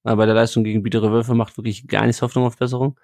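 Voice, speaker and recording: Guy hosting a footy podcast, easygoing chatter, mid-pitched, reads out listener posts. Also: level tone, very fast, a little mellow. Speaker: podcast host. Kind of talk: casual football podcast chat.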